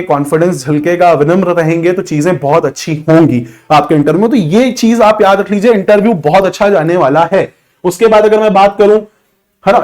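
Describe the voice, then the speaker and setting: A man's voice: a little high, a little mellow. A man teaching exam interview tips in a coaching lesson, speaking instructively, repeating key points and addressing students directly. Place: classroom with a board.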